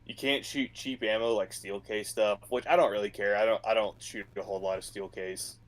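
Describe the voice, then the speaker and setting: A man's voice: on the low side, steady tone, a little fast, low-quality recording. A man co-hosting a podcast in casual chat, often repeating words as he starts a sentence. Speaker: podcast co-host.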